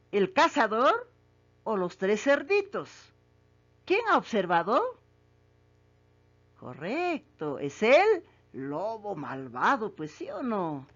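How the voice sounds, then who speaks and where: A woman's voice: a little high, a bit bright. A woman teacher asks children questions about a story, repeats each question, and then confirms the right answer. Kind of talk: reading comprehension quiz for children. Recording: muffled lo-fi recording.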